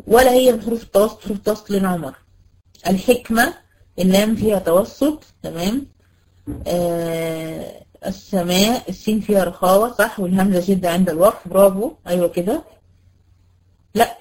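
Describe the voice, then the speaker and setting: A woman's voice: mid-range voice, darkish tone, low-quality recording. A woman with an Egyptian accent teaching a tajweed lesson, patiently quizzing her students with questions and correcting their answers. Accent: Egyptian Arabic. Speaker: Quran recitation teacher.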